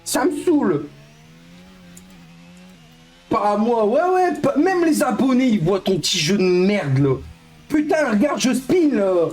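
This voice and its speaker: Man in his 30s, live-stream gaming chat, swears a lot, pitch swings wildly, faint music behind. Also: measured pace, long pauses, reverberant. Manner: excitable, swearing, playful self-mockery.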